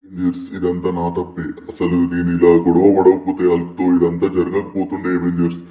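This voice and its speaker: A man's voice: sits low, monotone, brisk, close to an everyday voice. A man voicing a hot-tempered armored superhero in a gaming cartoon voiceover, brash and threatening, then apologetic. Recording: distant, dull, echoey lo-fi audio.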